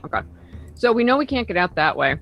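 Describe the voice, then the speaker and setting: Lively woman player at a game table. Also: medium pitch, fast talker, lo-fi sound, soft background music. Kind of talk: casual tabletop game chat.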